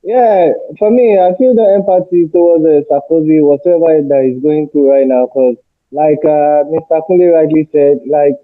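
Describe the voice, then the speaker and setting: A man's voice: on the high side, steady tone, normal speed, no room sound. A man speaking as a panel guest on a remote call, his voice muffled as if heard through a wall, hesitant with many fillers and restarts. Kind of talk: casual discussion. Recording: muffled, tinny call line.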